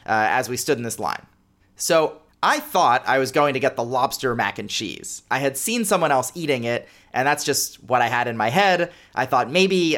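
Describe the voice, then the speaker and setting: A man's voice: mid-range voice, fairly bright tone. Chatty male podcast host. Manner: chatty, self-deprecating, conversational. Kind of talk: casual solo podcast monologue.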